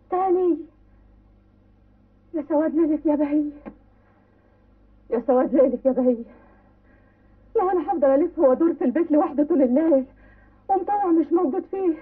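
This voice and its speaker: A woman's voice: very high-pitched, a little fast, pauses often. An actress playing a grieving, defiant village woman with an Egyptian accent, in an old film. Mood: desperate. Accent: Egyptian Arabic. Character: grieving, defiant village woman whose husband was taken. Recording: tinny, distant old film soundtrack.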